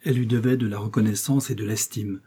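Un homme qui lit un roman à voix posée, d'un ton égal et mesuré. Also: male voice, lowish voice, fairly even intonation, fast talker, dark tone, slightly rough. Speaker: audiobook reader. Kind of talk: novel narration.

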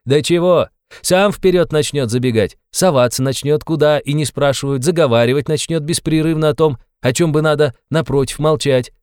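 A man's voice: fairly high pitch, normal speed, hardly any pauses, darkish tone, smooth, dry recording, studio quality, lightly acted. A man voicing a sly, fussy middle-aged male investigator who talks in a wheedling, fawning way with sly asides. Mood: sly, needling.

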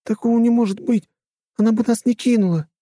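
A man's voice: very high voice, steady tone, brisk, dark tone, no echo, pitched above the performer's own voice. A male audiobook reader voicing a naive, frightened young woman held prisoner, anxious and pleading. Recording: dry close studio sound.

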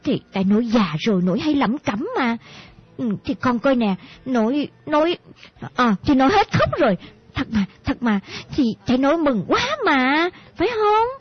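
A woman's voice: high-pitched, very animated, moderate pace, husky, exaggerated voice. A woman voicing a frail, tearful old grandmother who dotes on her grandchild, speaking in a trembling, soothing way. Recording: muffled audiobook with faint music.

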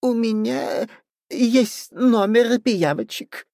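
A man's voice: extremely high pitch, extremely slow, creaky, a little mellow, no room sound, clean studio sound, voice pushed up, exaggerated voice. A man voicing a timid, fawning leech-seller assistant in an audiobook, with a meek, hesitant manner. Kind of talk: audiobook character voice.

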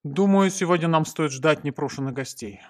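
A man's voice: a little high, normal speed, natural voice. A man voicing the story's hero, giving short orders. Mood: curt. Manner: curt orders. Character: terse man, first-person hero.

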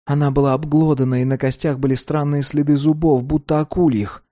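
Reading an audiobook, a man performs a 15-year-old boy fixated on vampires, anxious and eager. He keeps it near a natural speaking voice but high, breathless and pleading, earnestly hurrying his words, his voice rising with excitement.

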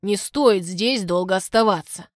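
A man's voice: high-pitched, a little slow, no echo, clean studio sound. A woman reading the lines of a cold, stern, impatient man in furs, curt and commanding. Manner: curt, commanding, louder than the narration.

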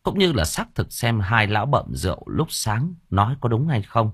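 A deep male voice reads a novel aloud as an audiobook. His delivery swings lively up and down, colloquial and expressive. The sound is close and dry. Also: moderate pace, breathy edge, no room sound. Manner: colloquial, expressive reading with coarse asides. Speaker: audiobook narrator. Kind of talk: storytelling narration of a novel.

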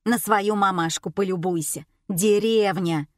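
A woman voicing a shrill, excitable, greedy woman tourist in an audiobook. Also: measured pace, no echo, studio quality, lightly acted. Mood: squabbling.

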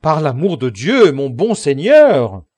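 A man doing an excitable, blunt Sancho Panza. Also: slow, no echo, studio quality, exaggerated voice. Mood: pleading. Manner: excitable, pleading, higher and brighter. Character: simple excitable squire, blunt and loyal. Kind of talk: audiobook character reading.

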